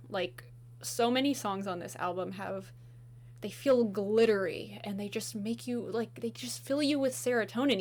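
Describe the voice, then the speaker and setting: A woman chatting casually as she ranks songs, gushing and enthusiastic, with lots of filler words and a slightly hoarse voice. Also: mid-range voice, darkish tone. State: slightly hoarse, losing her voice. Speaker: video host. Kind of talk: casual music ranking chat.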